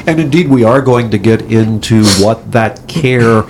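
A man's voice: medium pitch, measured pace, a little mellow, a little hiss or hum. A man hosting a business interview podcast, opening with an emphatic announcer style and asking his guest questions. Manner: enthusiastic, emphatic announcer delivery. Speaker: podcast host. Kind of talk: upbeat interview host.

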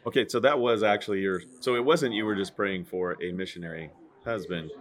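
A man's voice: lowish voice, brisk. A man hosting an interview, asking short prompting questions, a little distant from the microphone. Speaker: host. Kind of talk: conversational interview.

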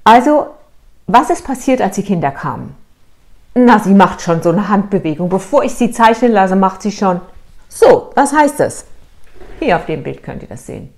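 A middle-aged woman therapist telling a client's case to a video audience, asking questions and answering them herself, sometimes dropping to a hush. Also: mid-range voice, moderate pace. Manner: lively, rhetorical questions, answers herself, dramatic drops to a hush. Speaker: therapist in private practice.

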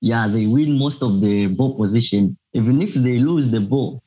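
A man's voice: mid-range voice, normal speed, warm tone, slightly rough, lo-fi sound. A young man from Zambia, a student guest in a casual interview, speaking hesitantly with many fillers. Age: young adult.

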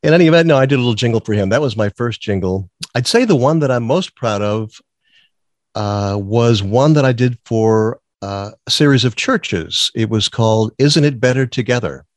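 A man's voice: medium pitch, expressive, moderate pace, no echo. A man who grew up in Massachusetts, a guest on an interview show, telling stories in a chatty way and often laughing. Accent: neutral American, no strong regional accent. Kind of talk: casual interview chat.

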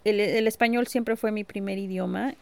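Woman, gravelly, measured, reflective podcast co-host. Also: medium pitch, steady tone, a little mellow. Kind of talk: casual conversation.

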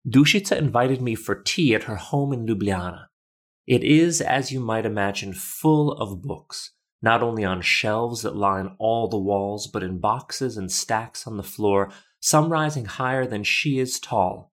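A man with a fairly low voice hosts a podcast, reading scripted documentary narration in a measured, literate, explanatory manner.

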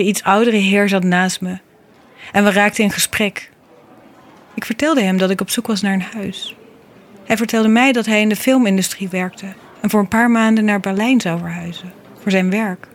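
A woman reading a scripted, reflective narration in a gentle, meditative manner. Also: medium pitch, dry recording. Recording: music behind the voice. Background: music.

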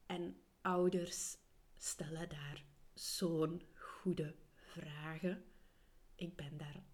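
A Flemish woman hosting a solo podcast while ill, her weak voice often slipping into a whisper; she speaks in a calm, earnest way with thoughtful pauses. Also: low voice, breathy edge. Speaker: podcast host and coach for separated parents.

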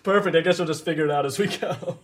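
Fast-talking young man hosting a podcast. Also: fairly high pitch, crowd noise. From Nashville, Tennessee, US. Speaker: podcast host, stand-up comedian. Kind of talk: casual podcast interview.

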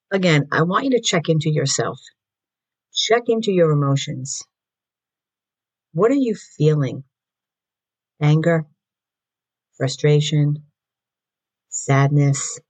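A podcast host with a low, raspy voice leads listeners through slow breathing in a calm mindfulness session. Allergies leave her slightly hoarse, with her voice going in and out, and the room is echoey.

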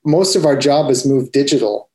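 A man's voice: medium pitch, moderate pace, darkish tone, a little hiss or hum. A man co-hosting a podcast, talking in an easygoing, chatty way with a few restarts. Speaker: podcast co-host. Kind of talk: casual chat.

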